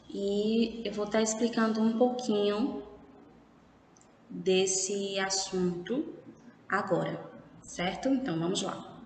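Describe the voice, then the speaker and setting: A Brazilian woman teacher giving a recorded remote lesson, explaining slowly and patiently and often checking in with her pupils. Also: mid-range voice. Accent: Brazilian Portuguese. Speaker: primary school teacher. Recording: echoey room with faint background noise.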